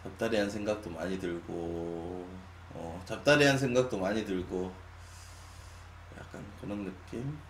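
A man of twenty-nine chatting casually with his stream viewers, musing with long sighs and drifting between loud and quiet. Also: deep voice, unhurried. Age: 20s. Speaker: live streamer. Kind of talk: casual late-night chat with viewers. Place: small room at a desk. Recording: echoey room, faint hum.

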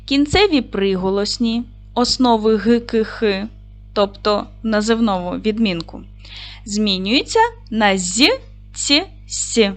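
A woman teacher giving a video lesson to young children, speaking slowly and clearly, drawing out words for dictation and encouraging the class. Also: mid-range voice, expressive, soft background music. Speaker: primary school teacher.

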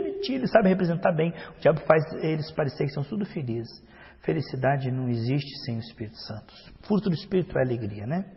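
A male pastor preaching a sermon, swinging from loud emphatic outbursts to hushed, prayerful passages. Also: fairly high pitch, breathy edge. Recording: dull lo-fi sound with long hall reverb.

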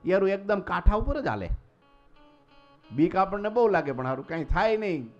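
A man, a swami preaching a storytelling sermon to a temple assembly. He swings between soft asides and loud exclamations. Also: high voice, big pitch swings, fairly quick. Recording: slightly muffled recording with faint guitar music.

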